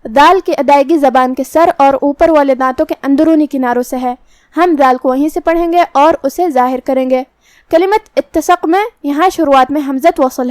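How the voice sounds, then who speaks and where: Female tajweed teacher, high-pitched, methodical, dry close-miked read. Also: no echo. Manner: calm, methodical, explains each letter slowly. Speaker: Quran recitation teacher. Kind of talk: step-by-step tajweed lesson.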